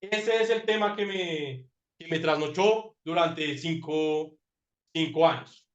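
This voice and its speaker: Presenting his doctoral thesis in a master class, a man speaks slowly in a fairly high voice. He sounds reflective, with frequent fillers and repeated words. The recording is roomy, dull and lo-fi.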